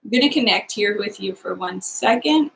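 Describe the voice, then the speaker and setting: A woman giving a live psychic reading, speaking gently and haltingly with many pauses and fillers, often voicing the sitter's feelings in the first person. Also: medium pitch, expressive, vocal fry, slight background noise, low-quality recording. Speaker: psychic medium.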